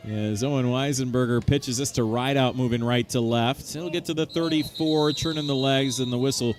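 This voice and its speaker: A man's voice: medium pitch, fairly even intonation, moderate pace. A man calling live American football play-by-play as the game's announcer. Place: outdoors at a football stadium.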